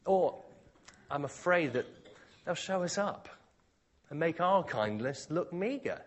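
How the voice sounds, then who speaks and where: Male preacher, mid-pitched, husky, animated delivery; conversational expository sermon. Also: slow.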